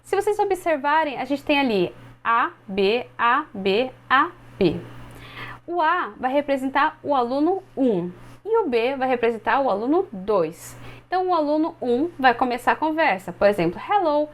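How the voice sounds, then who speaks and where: A Brazilian woman in her twenties, an English teacher explaining step by step and modeling phrases slowly for other teachers. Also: high voice, big pitch swings. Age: 20s.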